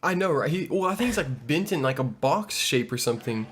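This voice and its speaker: A man's voice: a little high, very animated, fairly quick, fairly bright tone, slight background noise. A young man in casual, profane chat about a movie, retelling scenes and swearing often. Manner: swears a lot, retells scenes with quoted voices. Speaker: movie review co-host.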